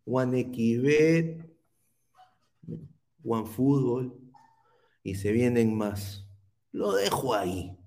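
A man's voice: medium pitch, expressive, extremely slow, long pauses, dark tone. A man with a Peruvian Spanish accent hosting a casual livestream, talking in a sarcastic, rambling, teasing way. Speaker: podcast host.

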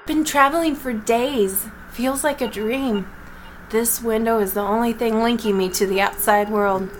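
A woman voicing an excitable, dizzy sidekick with breathless, melodramatic damsel delivery. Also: on the high side, a little slow, slight background noise, lightly acted. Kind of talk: parody radio-play acting. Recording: music bed under voice.

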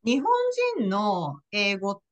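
Woman, podcast host, casual interview, animated pitch, lots of agreeing murmurs. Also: slow, lo-fi sound. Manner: frequent nodding backchannels and laughter. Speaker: podcast host, ICU nurse.

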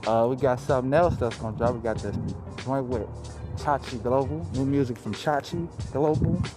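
A man's voice: mid-range voice, moderate pace. A man hosting a casual motivational podcast, swearing and repeating himself for emphasis, his speech slightly muffled by a face mask. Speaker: podcast host. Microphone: close podcast mic, spoken through a mask. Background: music.

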